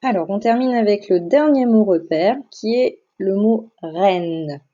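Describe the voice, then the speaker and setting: Teacher speaking slowly, mellow voice. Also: female voice, mid-range voice. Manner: slow, careful, over-articulating sounds and syllables. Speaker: primary school teacher. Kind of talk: recorded phonics lesson for children. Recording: slightly dull lo-fi voice recording.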